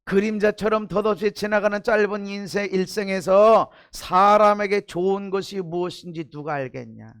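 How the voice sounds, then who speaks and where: A man preaching a sermon as pastor, swinging from loud exhortation to hushed low asides and giving blunt, informal commands to the congregation. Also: normal speed, few pauses. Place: church sanctuary.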